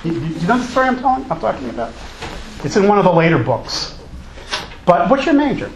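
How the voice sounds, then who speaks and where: A man's voice: high-pitched, very animated, fast. A male college teacher talking informally and teasing his class with jokes. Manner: jokey, teasing. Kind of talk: informal lecture and class banter. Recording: echoey room with background noise.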